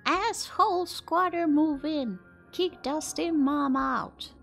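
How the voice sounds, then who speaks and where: A grumpy old opossum granny, put on by a woman playing a game speaks in a high, creaky voice. She is foul-mouthed and distrustful, drawling slowly in broken grammar over soft music. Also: heavily acted. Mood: bitter.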